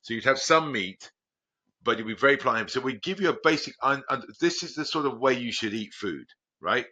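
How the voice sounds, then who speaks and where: A man from Crete, a biotech founder guest, talking casually and rambling with many restarts and animated jumps in pitch. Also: fairly quick. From Greece, Crete. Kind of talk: casual conversational explaining.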